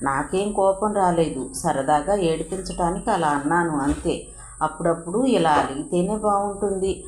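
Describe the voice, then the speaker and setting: A woman's voice: on the low side, normal speed, a little mellow, slight background noise, lightly acted. A woman reading a coaxing young suitor. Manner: coaxing, reassuring. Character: young man pleading gently with his bride-to-be. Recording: roomy echo.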